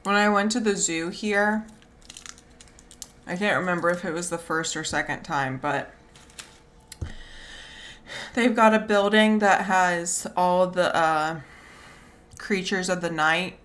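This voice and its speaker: A woman's voice: on the low side, takes it slowly, pauses often, a bit bright. A woman chatting casually in a rambling, offhand, wry way, with a slight whistle on her S sounds. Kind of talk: casual chat. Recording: clear background noise.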